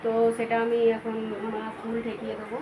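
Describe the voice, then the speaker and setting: High-voiced Bengali auntie chatting at home. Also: female voice, monotone, a little fast. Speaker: family vlogger. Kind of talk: casual home vlog chat. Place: inside a home. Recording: noisy home video recording.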